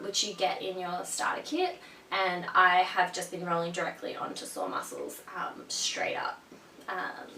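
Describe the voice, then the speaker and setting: A young Australian woman vlogs casually to camera about a product, her medium-pitched voice sharp in tone and a bit sniffly from a cold. She's chatty and gushing, filling her talk with lots of ums. The recording sounds roomy and distant, with a faint hum.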